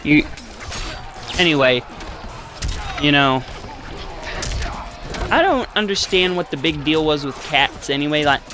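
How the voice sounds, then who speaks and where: A man's voice: on the high side, expressive, a little slow, long pauses, over music. A young man in his twenties hosting a gaming channel, rambling through a casual story with lots of swearing and fillers.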